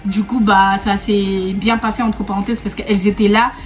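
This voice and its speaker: A woman's voice: mid-range voice, level tone, normal speed, faint music behind. A young woman who grew up in Réunion, chatting casually to her viewers in a storytime vlog. She repeats herself, laughs often and keeps calling her audience "mes go". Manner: chatty and repetitive, often laughing, calls viewers 'mes go'. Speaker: vlogger. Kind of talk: casual storytime chat to camera.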